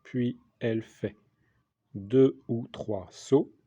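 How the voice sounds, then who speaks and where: A man dictating a text as a teacher, deliberately, in short repeated phrases with the punctuation spoken aloud. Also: medium pitch, warm tone, husky, no room sound. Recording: dull lo-fi sound.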